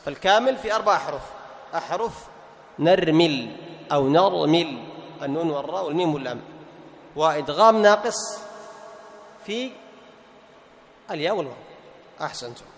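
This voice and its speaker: A man's voice: fairly high pitch, animated, brisk, pauses often. A man teaching a Quran recitation class, quizzing his students and now and then chanting verses. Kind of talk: classroom lesson with questions to students. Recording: faint noise, long reverb.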